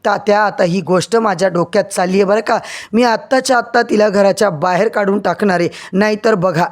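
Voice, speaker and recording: A man's voice: high voice, brisk, close to an everyday voice. A man voicing an angry young heir in a serial recap, indignant and demanding answers. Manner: indignant, shouting complaints.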